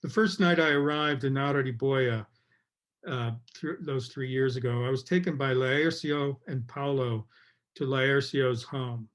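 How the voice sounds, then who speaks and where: A man's voice: mid-range voice, measured pace. Earnest middle-aged man giving a talk. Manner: earnest, emotional. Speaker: visiting fellow and speaker. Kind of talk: narrated talk with translation.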